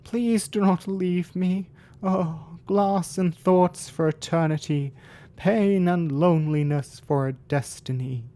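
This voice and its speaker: A man voicing a forlorn, abandoned spirit trapped in a bottle in a fantasy game, pleading mournfully and slowly. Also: high-pitched, dark tone, voice pushed up. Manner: slow, mournful, archaic pleading.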